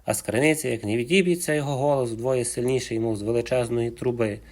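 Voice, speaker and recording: A man narrating a folk fairy tale for children in an expressive storytelling manner. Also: mid-range voice, fast.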